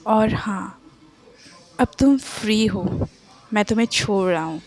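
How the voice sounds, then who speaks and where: A woman voicing a cold, distant young man who speaks flatly and quietly. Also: mid-range voice, takes it slowly, pitched below the performer's own voice. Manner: cold, flat, quiet delivery.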